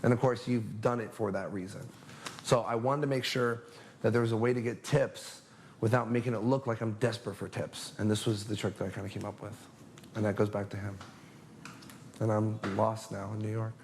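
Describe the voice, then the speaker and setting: A man's voice: fairly low pitch, steady tone, brisk, a little mellow, slight background noise. A man casually teaching a magic trick while demonstrating it on a spectator, chatty and upbeat, acting out his patter as he goes.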